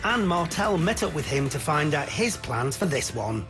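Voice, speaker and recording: A man's voice: on the high side, very animated, normal speed. A man narrating a property show in a scripted voice-over. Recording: voice-over with clear music behind.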